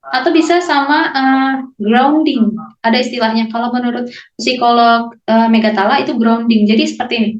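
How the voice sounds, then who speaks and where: High-voiced woman gently teaching calm. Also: moderate pace. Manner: calm, gently instructive, repeats fillers. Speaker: parenting speaker. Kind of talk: casual talk on managing emotions. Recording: echoey room, slightly dull sound.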